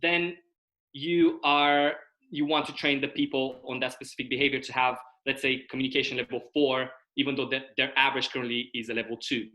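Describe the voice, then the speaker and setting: On a rough recording of a casual video-call interview, a young Romanian guest talks fairly quickly in a mid-range voice with fairly even intonation and a sharp edge. He explains at length and keeps checking in with "right?" and "okay?".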